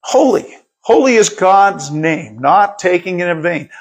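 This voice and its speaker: A man's voice: sits high, animated, unhurried, husky. A middle-aged male pastor preaching a sermon in a conversational way, often repeating words as he reads and explains scripture.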